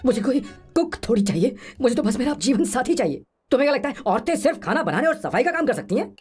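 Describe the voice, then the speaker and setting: A man's voice: very high-pitched, very animated, quick pace, a little mellow, husky, soft background music, exaggerated voice. A man playing a flustered middle-aged bachelor who talks in an earnest, indignant way in a film dub. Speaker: lead character, the boss.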